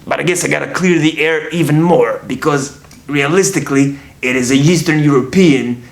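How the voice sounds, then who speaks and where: A man in his twenties from Russia, speaking with a Brooklyn New York accent, vlogs casually to camera, rambling, repeating himself and restarting often. His voice is fairly high with vocal fry at normal speed.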